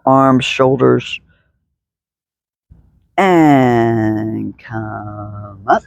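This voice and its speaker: A woman's voice: a bass voice, fairly even intonation, very slow, gravelly, a little mellow. A woman guiding a stretching session outdoors, chatty and upbeat, talking her way through each move. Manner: chatty, upbeat, thinks aloud, laughs often. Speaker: stretching instructor. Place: outdoors in the sun.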